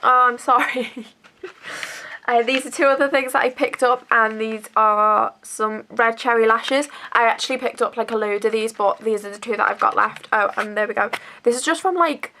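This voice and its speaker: A woman's voice: a little high, a bit bright, a little hiss or hum. A young woman chatting through a beauty haul, bunged up with a cold and rambling with lots of fillers. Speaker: beauty vlogger. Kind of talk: casual haul chat.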